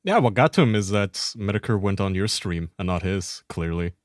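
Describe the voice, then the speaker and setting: A co-host makes wry remarks in casual stream commentary. His voice sits low. The recording is dry and close. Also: animated, brisk, dry recording.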